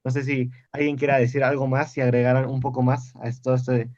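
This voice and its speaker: A man's voice: mid-range voice, completely flat delivery, brisk, darkish tone, highs cut off. A man adding points in a casual podcast discussion, polite and repeating his phrases. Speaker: podcast participant.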